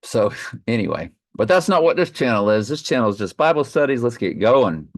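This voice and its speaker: A man's voice: mid-range voice, very animated, a little fast, no echo, studio quality. A man leading an informal Bible study, reading and commenting off the cuff, slightly slurring because half his mouth is numb from the dentist. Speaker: online Bible study host.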